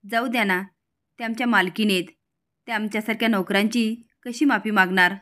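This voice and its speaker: A woman's voice: mid-range voice, steady tone, brisk, sharp tone, lightly acted. Meek male servant, polite and pleading, read by a woman. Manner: pleading, deferential. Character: humble middle-aged male servant, a father.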